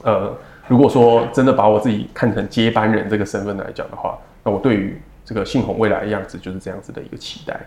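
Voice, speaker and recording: A man in his thirties with a Taiwanese Mandarin accent, speaking as an interview guest in a measured, reflective way with many fillers. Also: lowish voice, level tone, darkish tone. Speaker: second-generation family business heir. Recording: roomy echo.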